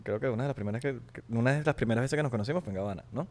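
A man's voice: medium pitch, rapid-fire. A man with a Venezuelan Spanish accent, co-hosting a casual podcast, telling stories in a joking, slangy way. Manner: animated, joking, slangy storytelling. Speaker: podcast co-host. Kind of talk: casual chat. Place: Miami.

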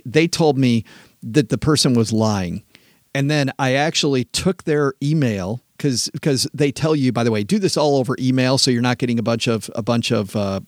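Guy cohosting a money show, chatty and quick, restarts a lot, dry close mic, mid pitch. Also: no echo. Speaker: podcast co-host. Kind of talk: casual chat.

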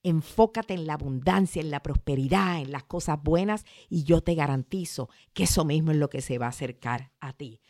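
Animated woman hosting a self-help podcast. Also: normal speed, hardly any pauses. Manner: animated, acts out quoted complaints in a high voice. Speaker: podcast host. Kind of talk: motivational podcast chat.

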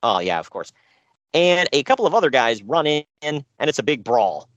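A man's voice: medium pitch, sing-song, normal speed, no room sound, dull audio. A man co-hosting a podcast, recapping a show with dry sarcasm and frequent laughs. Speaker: podcast co-host. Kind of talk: casual chat.

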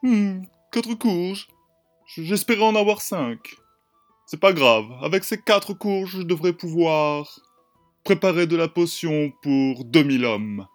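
A fussy male court enchanter, voiced by a man, speaking slowly and high above the man's own register. He draws out each phrase, completely unhurried. Soft music plays under the story. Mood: unbothered. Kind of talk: storytelling podcast.

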